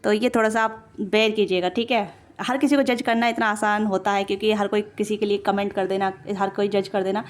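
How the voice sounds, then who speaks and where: Reading tarot casually straight to the camera, this woman talks in a rapid, run-on stream full of filler words and corrections of herself. Her voice is medium in pitch and steady in tone.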